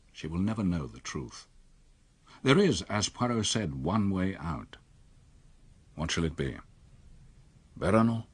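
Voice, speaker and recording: An actor playing a cornered country doctor in a radio drama, cynical and coolly resigned, with a dry, sardonic, husky delivery. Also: male voice, deep voice, full character voice. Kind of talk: radio drama acting and narration.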